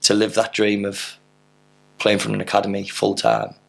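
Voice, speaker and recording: A man's voice: on the low side, sing-song, normal speed, gravelly. A man, telling rambling anecdotes in a casual podcast interview, full of fillers and mild swearing. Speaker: podcast guest, footballer.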